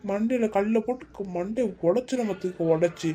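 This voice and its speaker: A woman's voice: mid-range voice, moderate pace, mellow, natural voice. A woman voicing a stern, bossy middle-aged husband in a cartoon, scolding his wife. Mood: berating. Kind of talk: cartoon voice acting.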